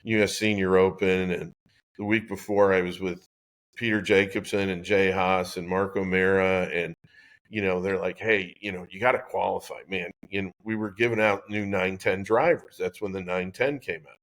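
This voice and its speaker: Low-ish voiced guy in his 60s, chatty guest, keeps restarting his sentences. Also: fairly even intonation, normal speed. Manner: rambling, anecdotal, frequent restarts. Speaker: guest, golf club designer. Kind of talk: conversational storytelling.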